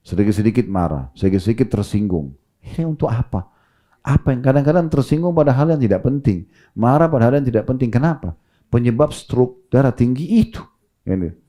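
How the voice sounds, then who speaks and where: A man giving a calm, gentle sermon as an Islamic preacher, with rising emphasis on key points. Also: mid-range voice.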